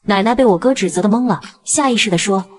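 A woman narrating a cartoon story in a brisk, dramatic storytelling way. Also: mid-range voice.

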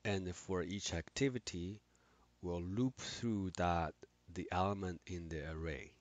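A man explaining software in a screen-recorded tutorial, talking haltingly with many restarts and fillers. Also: deep voice, no echo. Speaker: instructor.

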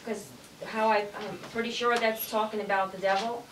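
A woman's voice: mid-range voice, steady tone, normal speed, fairly bright tone, a little hiss or hum. Woman reading scripture in an echoey room. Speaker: Bible study member. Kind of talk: reading scripture aloud in group discussion. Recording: echoey room, distant mic.

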